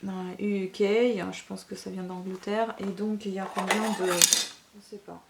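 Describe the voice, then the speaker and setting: A woman vlogger chatting casually through a beauty unboxing, full of fillers and little tag questions, sometimes dropping to a soft half-whisper. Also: medium pitch, level tone, normal speed, gravelly, heavy background noise. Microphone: camera microphone.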